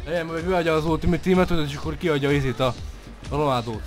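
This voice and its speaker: A young man shouting and swearing with joy in an excited reaction to opening packs. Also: a little high, faint music behind. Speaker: gaming video creator.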